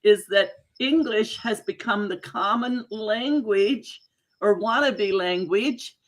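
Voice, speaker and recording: Interview host: woman, mid-range voice, conversational, expressive, given to exclaiming and paraphrasing. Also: medium pitch, takes it slowly, low-quality recording.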